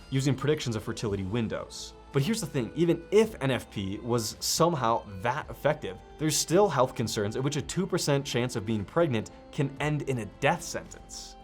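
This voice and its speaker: Man in his 20s, sarcastic commentary, medium pitch, close desk mic, background music. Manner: sarcastic, swearing. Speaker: video essay host. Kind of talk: commentary video essay. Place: small indoor studio room at a desk. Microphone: close desk microphone.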